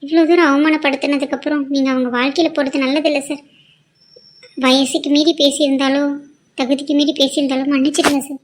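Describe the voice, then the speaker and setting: Woman doing a gentle young cartoon friend, high voice, polite, apologetic, humble. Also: little pitch movement, fast talker, close to an everyday voice. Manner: polite, apologetic, keeps saying sir. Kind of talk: cartoon drama dialogue.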